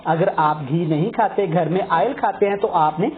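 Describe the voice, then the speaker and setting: Male cooking host, calm instructional delivery, narrow lo-fi sound. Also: sits high, moderate pace, slight background noise. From Pakistan. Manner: calm, methodical, addresses viewers politely as sir and brothers and sisters. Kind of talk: step-by-step recipe instruction. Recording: phone-like narrow band.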